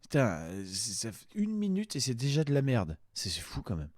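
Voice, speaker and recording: A man's voice: medium pitch, wildly swooping pitch, moderate pace, darkish tone. A man doing casual, exasperated and crude mocking commentary as a video host.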